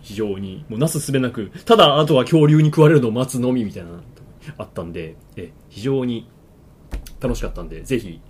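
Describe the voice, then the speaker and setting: A man telling a story in casual chat, acting out his own panicked shouts. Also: mid-range voice, lively intonation, fairly quick, slight background noise.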